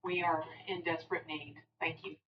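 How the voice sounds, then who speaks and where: A woman's voice: sits low, level tone, normal speed, a little hiss or hum. A woman from the school office making a polite, hesitant announcement over the school intercom. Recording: echoey, distant, muffled loudspeaker.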